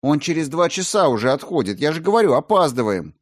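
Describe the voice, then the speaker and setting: A man voicing a calm, firm young man who talks coolly and insistently. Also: on the high side, quick pace, no echo, clean studio sound, pitched above the performer's own voice.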